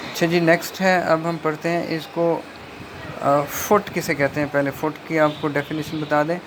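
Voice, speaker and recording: A man giving a linguistics lecture, explaining a textbook step by step with frequent hesitations and reading English passages very slowly. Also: a little high, flat delivery. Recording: faint background noise.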